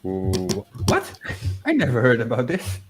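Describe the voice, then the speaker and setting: This Netherlands-born livestream host speaks with a Dutch accent and is a native Dutch speaker; he chats loosely through viewer comments, full of fillers, restarts and chuckles. His medium-pitched voice swings hugely in pitch and runs a little slow, with music in the background.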